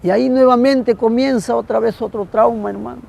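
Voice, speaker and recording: A man telling an emotional religious testimony in a halting way, again and again calling his listener "brother". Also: extremely high pitch, fairly even intonation, gravelly, a little mellow, poor audio. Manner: halting, keeps addressing the listener as "hermano". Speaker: guest giving a religious testimony.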